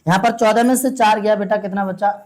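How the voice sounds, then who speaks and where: A woman walks her students through a maths problem one step at a time. Her voice sits at a middle pitch. She talks patiently, stops often to quiz the class and calls them "beta" again and again. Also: steady tone, fairly quick, darkish tone. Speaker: maths teacher.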